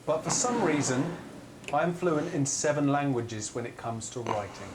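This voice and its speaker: A man's voice: medium pitch, lively intonation, moderate pace. A man on a panel show, improvising a bluff with hesitant, stalling banter. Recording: roomy echo, clear background noise.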